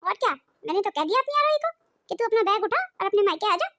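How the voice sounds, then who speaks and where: A woman voicing a domineering, quick-tempered older mother-in-law in a cartoon, scolding and bossy. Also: very high-pitched, very animated, fairly bright tone, exaggerated voice. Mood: indignant. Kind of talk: cartoon voice acting.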